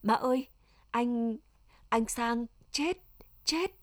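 A woman's voice: moderate pace, no echo, clean studio sound, natural voice. A woman doing a frantic young village wife. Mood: anguished. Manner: high-pitched, pleading cries.

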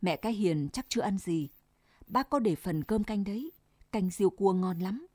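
A woman voicing a gentle old neighbor woman with a Hue accent, speaking low and even like a chant. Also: moderate pace, no room sound, lightly acted. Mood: kindly.

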